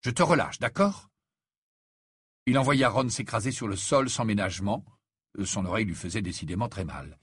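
A man reading a novel aloud as audiobook narrator, measured and expressive. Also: fairly low pitch, slightly rough, no echo, clean studio sound. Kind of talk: scripted narration.

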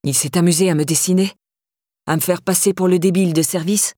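A woman's voice: lowish voice, steady tone, fairly quick, dark tone, dry recording, studio quality, natural voice. Figure: woman doing a menacing, imposing man. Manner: brusque. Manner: threatening, brusque. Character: imposing, menacing middle-aged man, domineering.

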